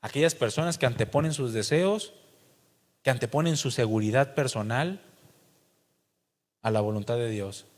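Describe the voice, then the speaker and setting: A man's voice: mid-range voice, moderate pace, pauses often, big-room sound. A pastor with a Mexican accent preaching a sermon, emphatic and speaking straight to his congregation. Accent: Mexican Spanish.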